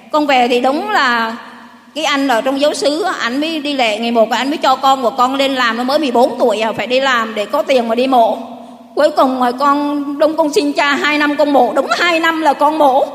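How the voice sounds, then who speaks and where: High-voiced woman in an echoing hall. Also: moderate pace, a bit bright. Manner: rambling, heartfelt storytelling with many restarts. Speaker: parishioner giving testimony. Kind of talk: church testimony. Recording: long hall reverb.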